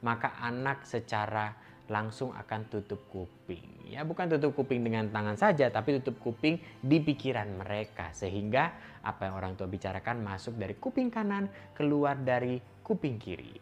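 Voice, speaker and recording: A man's voice: mid-range voice, lo-fi sound. A man giving an instructional talk on parenting, explaining patiently and demonstrating different tones of voice. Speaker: parenting educator.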